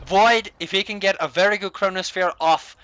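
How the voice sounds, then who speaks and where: A man's voice: sits high, moderate pace, fairly bright tone, highs cut off. A man commentating live esports play-by-play like a hype fighting game announcer, calling out big plays.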